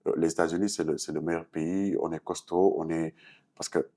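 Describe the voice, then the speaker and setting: With a bass voice and a dark, steady tone, a Senegalese man speaks fairly quickly. He's a talk show guest, an artist and activist, answering interview questions in French-speaking West African style and explaining earnestly with a Senegalese accent.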